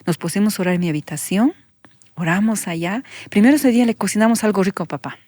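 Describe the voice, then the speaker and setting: A woman pastor, giving an earnest testimony that sinks into soft whispers when she recalls her prayers. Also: medium pitch, fast, no echo, studio quality. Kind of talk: emotional testimony in conversation.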